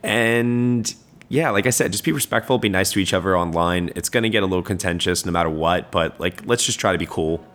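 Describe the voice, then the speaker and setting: Deep-voiced, hungover man hosting a podcast. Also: quick pace, few pauses, fairly bright tone. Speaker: podcast host. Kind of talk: casual podcast sign-off.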